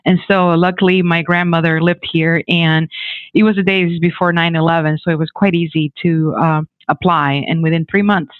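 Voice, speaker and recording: Lively man from the Dominican Republic on a phone-like line. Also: fairly high pitch, moderate pace, clear, resonant tone, no room sound. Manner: animated, many restarts and fillers. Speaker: guest, technology executive. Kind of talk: conversational interview.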